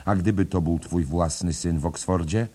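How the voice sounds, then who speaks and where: A man voicing an anxious middle-aged man who talks urgently and persuasively to calm others. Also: low-pitched, unhurried, voice pushed up.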